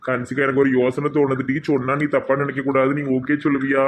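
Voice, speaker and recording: A man's voice: mid-range voice, little pitch movement, fast, natural voice. A man voicing a hot-tempered middle-aged male shop owner in a cartoon, blunt and scolding, with a Tirunelveli Tamil accent. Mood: scheming. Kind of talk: cartoon voice acting.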